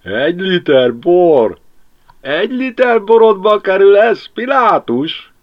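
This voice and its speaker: Sly gloating village man, voiced by a male reader, high loud drawl, slow mocking, dull lo-fi audio. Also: wildly swooping pitch, full character voice.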